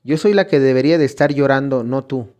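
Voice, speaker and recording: A man voicing a frightened young female visionary, reading her pleas slowly. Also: mid-range voice, darkish tone, lightly acted. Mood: pleading.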